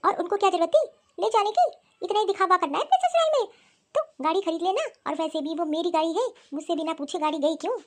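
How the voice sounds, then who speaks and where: Brief: woman doing a high, indignant young cartoon wife with a shrill edge. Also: animated, quick pace. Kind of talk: cartoon voice acting.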